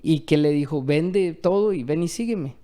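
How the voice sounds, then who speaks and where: A man's voice: a little high, normal speed. A man co-hosting a casual faith podcast, explaining his points by asking and answering his own questions and backing his partner with short agreements. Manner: steady stream of short agreements. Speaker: podcast co-host.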